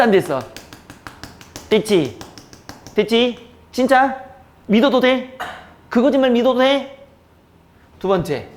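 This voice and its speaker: A male teacher lecturing a live classroom. He teases and scolds his students between explanations and keeps firing quick questions at them. Now and then he breaks into a squeaky voice to act out how they would react. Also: a little mellow. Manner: teasing, scolding banter with students.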